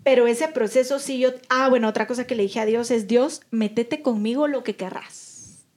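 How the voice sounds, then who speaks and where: This young woman co-hosts a podcast and speaks at a normal speed, her pitch fairly high and her tone somewhat dark. In a relaxed conversation she shares a personal story with sincerity, performing her relatives' quoted words.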